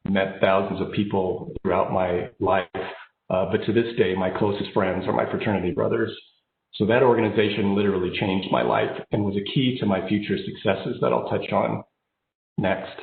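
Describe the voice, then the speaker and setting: An American engineering executive in his fifties, born in Japan and raised overseas before settling in the United States, gives an informal, personal keynote speech remotely while fighting a slight head cold. His voice is on the low side, with vocal fry and a faint hiss or hum. The audio sounds phone-like and narrow-band, with a roomy echo.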